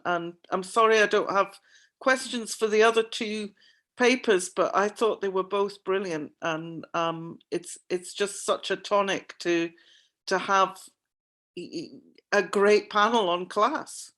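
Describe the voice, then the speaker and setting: A woman chairs an academic panel from a video call, her voice mid-pitched and a little worn. She stammers and repeats words as she gathers her thoughts, and she sounds like she is losing her voice. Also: unhurried, fairly bright tone.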